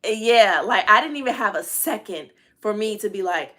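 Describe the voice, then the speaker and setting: A woman in her thirties chatting casually to viewers on a live stream, animated and acting out her family's lines. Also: mid-range voice, moderate pace. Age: 30s. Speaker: vlogger.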